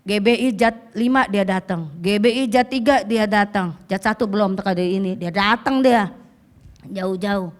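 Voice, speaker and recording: A woman pastor preaching a lively sermon with a hoarse voice, often calling out questions to the congregation. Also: mid-range voice, moderate pace.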